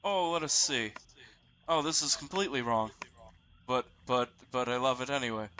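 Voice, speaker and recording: A man running a tabletop roleplaying game as game master, narrating haltingly and piecing sentences together. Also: mid-range voice, lively intonation, bright, forceful tone, slight background noise.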